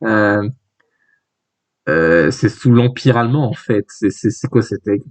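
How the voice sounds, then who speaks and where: A man's voice: lowish voice, unhurried. A young man giving a rambling, joking commentary while reading a manga aloud. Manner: rambling, jokey, many fillers and restarts. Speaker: youtuber. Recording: dull lo-fi sound.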